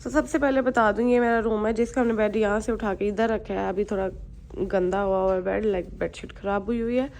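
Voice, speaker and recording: A woman's voice: mid-range voice, steady tone, a little fast, vocal fry, a little mellow, slight background noise. A young woman, vlogging in her bedroom while unwell with a slight fever, talking in a chatty, rambling way. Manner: chatty, rambling, mixes in English phrases. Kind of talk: casual vlog chat.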